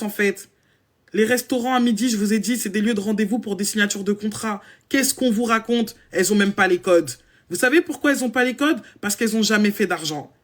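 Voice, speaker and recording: A woman speaks in a low voice. She talks bluntly to her listeners and mocks what they do. Her casual monologue slips into English phrases now and then. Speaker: women's coach.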